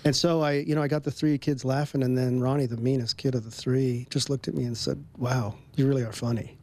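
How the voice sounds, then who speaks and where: A man appearing as an interview guest tells a personal story in a relaxed way, dropping frequent ums and little chuckles between phrases. He has a mid-range voice and talks fast.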